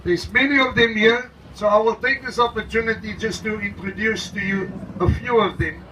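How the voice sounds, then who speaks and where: A man, an interim leader, giving a slow, emphatic ceremonial welcome speech to a gathering and repeating his key phrases. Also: sits high, fairly even intonation, background noise. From South Africa.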